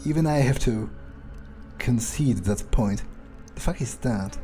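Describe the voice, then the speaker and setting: Over soft background music, a man with a mid-range, dark-toned voice speaks a little slowly while gaming. Playing host, he stays in character and thinks out loud, hesitant and understated, swearing casually along the way.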